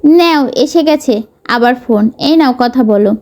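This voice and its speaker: A woman's voice: high-pitched, a little slow. Woman voicing a cheerful young sister. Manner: lively, affectionate.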